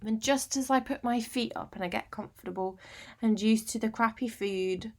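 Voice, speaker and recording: A woman's voice: a little high, normal speed, close to an everyday voice. A woman with a British accent acting a conversational monologue as a lonely, eccentric, wryly matter-of-fact woman, chatty and self-deprecating. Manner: chatty, colloquial, self-deprecating, tag questions. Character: lonely, sleep-deprived, eccentric woman, wryly matter-of-fact about her bleak life. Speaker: monologue performer. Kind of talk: confessional dramatic monologue, conversational.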